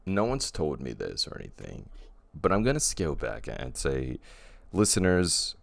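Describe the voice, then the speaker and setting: Man, extremely low voice, dry close sound, casual rambling podcast chat, self-correcting. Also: wildly swooping pitch, moderate pace, gravelly, dry recording. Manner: rambling, often restarts and corrects himself. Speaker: podcast co-host.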